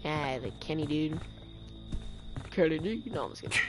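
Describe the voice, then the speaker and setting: Fast and fairly even in intonation, a low-pitched female voice delivers frustrated, casual gameplay commentary. The young streamer rambles and curses while game music runs under her.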